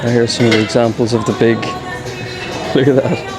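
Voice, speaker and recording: A man talks casually as a travel vlogger while walking around. His pitch is medium and stays fairly flat, with understated, slangy, rambling asides. Music plays clearly behind his voice. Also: normal speed, low-quality recording. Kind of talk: casual vlog commentary. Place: walking around an airport terminal.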